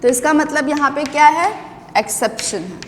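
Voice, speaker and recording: A woman's voice: high-pitched, lively intonation, big-room sound, slight background noise. A woman teaching a biology lecture in a classroom, explaining step by step, asking the class questions and stretching out key terms. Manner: drawn-out emphasis on technical words, then bursts of quick speech. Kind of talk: classroom lecture mixing Hindi and English.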